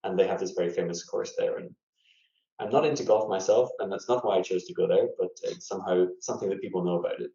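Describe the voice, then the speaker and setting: This Scottish scientist talks fast in a low, warm voice while sharing his story thoughtfully in a casual interview, peppering it with fillers and restarts. The room is echoey and the sound quality dull and lo-fi.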